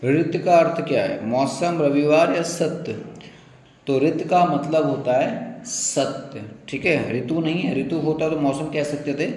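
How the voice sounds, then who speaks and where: Male teacher, exam quiz lesson, raised pitch, echoey room with long reverb. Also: a little mellow. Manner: explains, repeats words slowly, asks listener.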